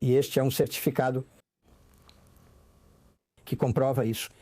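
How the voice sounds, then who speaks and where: A man's voice: medium pitch, little pitch movement, a little slow, warm tone, no echo. A man speaking in a documentary voice-over.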